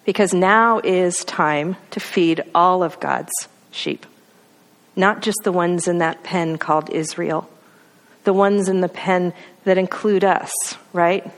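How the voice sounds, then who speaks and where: A woman's voice: fairly low pitch, steady tone, slow pace, in a large hall. A woman preaching a sermon, telling the story with emphatic lists and rhetorical questions.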